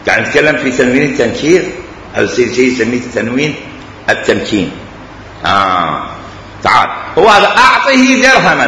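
Lively Iraqi man lecturing in an echoey hall. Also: a little high, slight background noise. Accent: Iraqi Arabic. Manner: animated and explanatory, repeating examples. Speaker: teacher. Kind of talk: classroom grammar lecture. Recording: echoey hall, faint ambience.

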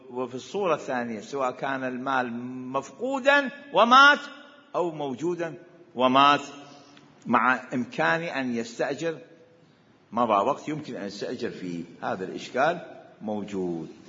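Animated Iraqi man lecturing in a hall. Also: mid-range voice. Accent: Iraqi Arabic. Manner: animated, questioning, repeats points for emphasis. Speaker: seminary teacher of Islamic law. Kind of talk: seminary lecture. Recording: echoey hall, dull lo-fi sound.

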